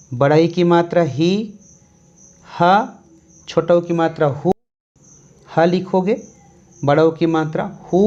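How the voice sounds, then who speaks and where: At a medium pitch, a calm teacher dictates a Hindi syllable chart slowly, taking young pupils through each sound step by step and repeating it.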